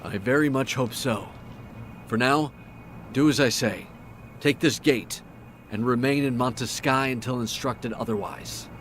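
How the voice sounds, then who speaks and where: An actor playing a stern male game commander who gives firm, measured orders. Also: mid-range voice, a bit bright, a little hiss or hum, natural voice. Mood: commanding. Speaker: game character giving orders.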